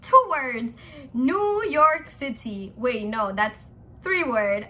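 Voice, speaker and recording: Bright, giggly young woman vlogging. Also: on the high side, lively intonation, slow, slight background noise. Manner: chatty and giggly, lots of "like" fillers; self-mocking and playful. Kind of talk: casual chat vlog. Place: at home indoors.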